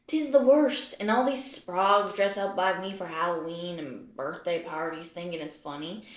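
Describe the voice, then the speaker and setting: A woman's voice: fairly low pitch, moderate pace, close to an everyday voice. A forgetful, blustery pirate ghost with a peg leg, as a woman acts him out. He growls old sea talk in a puppet stage play. The room is echoey. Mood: blustery, grumbling. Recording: roomy echo.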